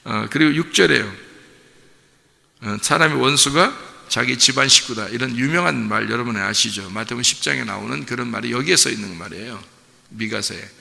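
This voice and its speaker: Male pastor, gravelly voice, sharp bright tone, long church-hall reverb. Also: medium pitch, a little fast. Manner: conversational, asks the congregation questions and acts out parents' words. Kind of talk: sermon at dawn service. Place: church sanctuary.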